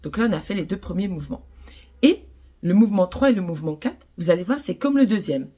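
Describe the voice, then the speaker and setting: A woman with a French accent teaching ukulele to children, gently encouraging them through the lesson. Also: lowish voice, lively intonation, quick pace.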